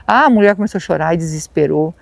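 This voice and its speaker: A woman's voice: fairly low pitch, animated, quick pace, gravelly, dry recording. A Brazilian woman retelling a local legend outdoors at dusk, chatty and repeating words for emphasis. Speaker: paranormal vlogger. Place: outdoors at a rural site at dusk.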